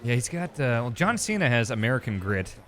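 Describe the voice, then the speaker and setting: A man's voice: mid-range voice, very animated, a little fast, a bit bright. A man chatting casually over a video game, telling anecdotes with hedging asides.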